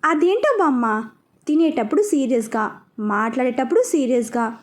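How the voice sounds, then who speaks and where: Exasperated young bride in an audio story, high and complaining, read by a woman. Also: animated, normal speed. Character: newly married young woman, frank and irritable.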